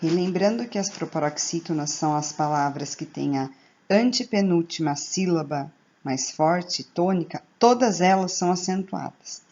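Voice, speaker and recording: A woman's voice: lowish voice, dark tone, slight background noise. Lo-fi Brazilian woman teaching grammar. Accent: Brazilian Portuguese. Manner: slow, careful teacherly explanations with checking "tá?". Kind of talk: recorded online grammar lesson.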